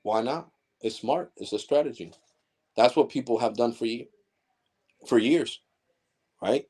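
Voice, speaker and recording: A husky, mellow, mid-range male voice, a little slow, belongs to a forties-aged tech channel host. On a casual livestream he launches into a ranting monologue, lecturing viewers with heated, blunt profanity.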